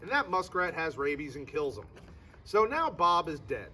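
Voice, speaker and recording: A man's voice: fairly high pitch, sing-song, moderate pace, pushed and bright. A man working as a ghost tour guide, telling stories to a group outdoors with irreverent humour and theatrical emphasis. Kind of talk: animated storytelling to a tour group. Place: outdoors in a fort courtyard. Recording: distant mic, noisy outdoor ambience.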